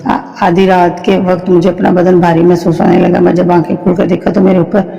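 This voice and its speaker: A man's voice: high voice, flat delivery, a little fast, vocal fry, warm tone, big-room sound, lo-fi sound. A man reading out a first-person story, narrating steadily with small slips.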